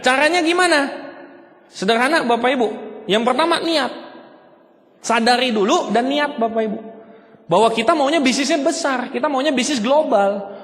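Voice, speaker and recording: A man giving an animated motivational seminar talk. He keeps addressing the audience directly and mimics other people for laughs. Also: very high voice. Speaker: motivational speaker for a network marketing business. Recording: hall with long reverb.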